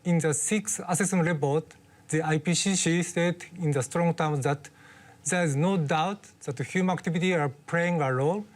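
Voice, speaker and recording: Expert explaining calmly in an interview. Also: medium pitch, moderate pace. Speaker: expert guest.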